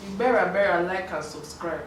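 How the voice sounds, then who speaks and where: A woman's voice: fairly low pitch, brisk. A woman, a challenge guest, chatting playfully and emphatically while her mouth burns from spicy food. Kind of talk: casual challenge chat. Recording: very echoey, distant mic, noisy.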